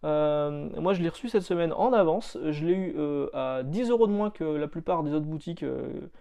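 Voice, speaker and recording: A man's voice: on the high side, expressive, normal speed, creaky, mellow, smooth. A man who runs a comic shop, chatting casually to his viewers in a rambling way, with many fillers and restarts. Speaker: comic shop owner and video host. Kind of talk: casual chat.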